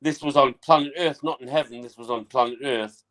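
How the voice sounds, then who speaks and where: A man's voice: medium pitch, brisk, a bit bright. A man on an online call who rambles and repeats himself, with his audio breaking up and cutting in and out. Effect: choppy internet audio, cutting in and out. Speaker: caller on a livestream. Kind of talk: casual online call chat. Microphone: online call microphone.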